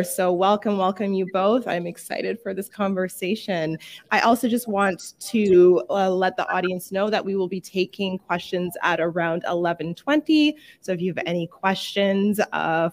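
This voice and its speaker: A woman hosting an event, giving upbeat, scripted introductions from a studio stage. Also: fairly low pitch. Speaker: event host.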